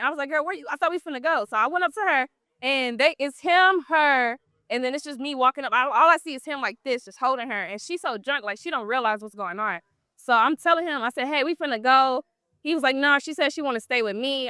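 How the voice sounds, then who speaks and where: A woman tells her stories bluntly, swearing freely and acting out both sides of each exchange. Her voice sits high and sounds bright and smooth. The recording is dry and close, with no room sound. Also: no room sound. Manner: blunt, profane, animated storytelling. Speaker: exotic dancer guest. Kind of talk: casual storytelling interview.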